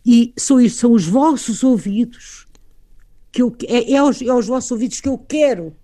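A woman's voice: fairly high pitch, moderate pace, mellow. A woman with a European Portuguese accent, a guest in a conversational literary discussion, explaining with animation and frequent tag questions.

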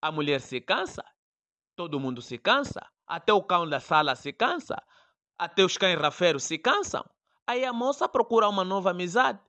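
A man's voice: high voice, sing-song, moderate pace, bright, forceful tone. A man with an Angolan Portuguese accent hosting a comedy segment, telling a playful monologue with repetition for effect. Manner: playful preacher-like storytelling with repetitions. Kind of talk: comic monologue.

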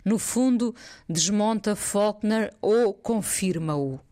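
A woman's voice: mid-range voice, expressive, takes it slowly, dark tone, slight background noise. A woman with a European Portuguese accent hosting a radio interview, asking questions with hesitant fillers. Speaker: host.

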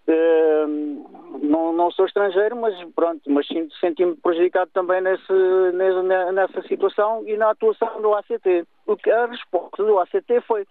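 High-pitched man calling in by phone. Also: steady tone, moderate pace, hardly any pauses, no echo. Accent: European Portuguese. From Portugal. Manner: indignant, repetitive, hesitant. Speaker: caller. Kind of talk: radio call-in complaint. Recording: tinny phone line.

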